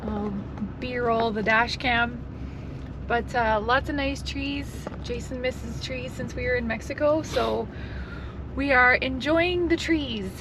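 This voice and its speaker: A fairly high-voiced woman from Canada chats and narrates a road-trip vlog, her voice edged with a gravelly fry. She talks in a loose, teasing way and laughs easily. The recording carries clear outdoor and vehicle noise behind her. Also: fairly even intonation, takes it slowly. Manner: chatty, laughs often, teasing. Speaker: RV travel vlogger. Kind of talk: casual travel vlog with voice-over narration.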